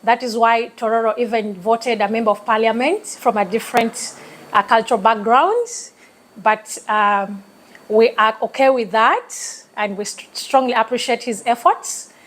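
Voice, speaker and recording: A woman from eastern Uganda with a Ugandan accent, a talk show guest who speaks earnestly and deliberately, like giving a speech. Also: on the high side, a bit bright, low-quality recording.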